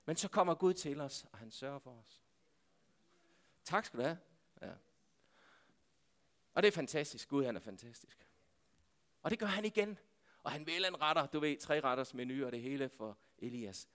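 A man preaching a sermon, swinging between loud impassioned calls to God and hushed, quiet passages. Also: medium pitch, lively intonation, long pauses. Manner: impassioned, calling out to God, then dropping to hushed tones. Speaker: pastor.

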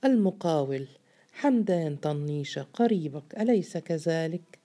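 A woman's voice: low voice, expressive, moderate pace, dark tone. A woman voicing a confident, sly male governor, reading him in an audiobook story. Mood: assured. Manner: self-assured and knowing.

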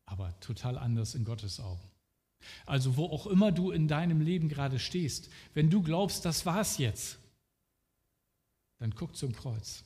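A man's voice: on the high side, sing-song, a little slow, warm tone, long reverb tail. A man preaching a sermon in an earnest way, speaking directly to the listener.

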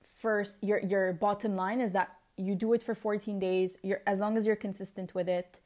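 A woman's voice: medium pitch, little pitch movement, normal speed, a little mellow. A woman with a Lebanese accent, partly Americanized, talks as a solo podcast host in a casual, confessional, reflective and rambling way.

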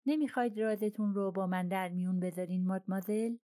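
A woman's voice: mid-range voice, natural voice. A woman reading a shrewd, self-assured old detective. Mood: coaxing. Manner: soft, persuasive, explaining.

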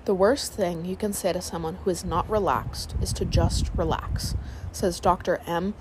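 A woman narrating a sleep story, reading aloud in a calm, soothing way. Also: lowish voice, normal speed, slight background noise.

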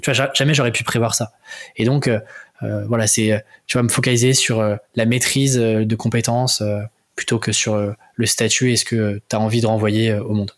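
A man's voice: fairly low pitch, flat delivery, a little fast. A man in his twenties, a guest entrepreneur, talking in a casual interview and hesitating often with fillers. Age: 20s.

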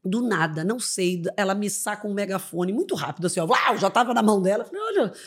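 A woman's voice: medium pitch, fast, husky. A woman in her thirties from Brazil, a comedian telling funny stories on a podcast and acting out other people's voices. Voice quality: animated, acts out voices in shrieks. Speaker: guest comedian. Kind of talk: lively podcast storytelling.

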